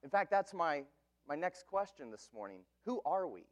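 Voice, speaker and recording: Pastor in his thirties, high tenor; earnest, emphatic sermon delivery. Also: sing-song. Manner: earnest, emphatic preaching with slow stressed phrases.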